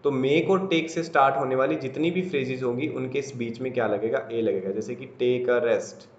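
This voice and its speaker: A man's voice: mid-range voice, fairly even intonation, moderate pace, echoey room, muffled recording. A man from India with a Haryanvi Hindi accent gives a classroom grammar lecture, asking questions and answering them himself. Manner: asks and answers his own questions, repetitive. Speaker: teacher.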